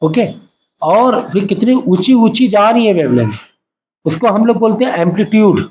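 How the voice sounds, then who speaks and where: A man's voice: sits high, animated, moderate pace, a little mellow, slight background noise. A male science teacher giving a classroom lecture, asking the class short questions and having them repeat terms back to him. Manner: quizzes students with repeated call-and-response questions. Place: classroom with students.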